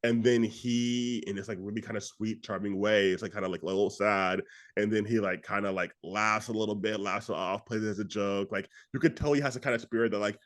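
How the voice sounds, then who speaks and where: Rambling young man, low voice. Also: a little fast. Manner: rambling, heavy use of "like", animated retelling. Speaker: podcast co-host. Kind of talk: casual film discussion.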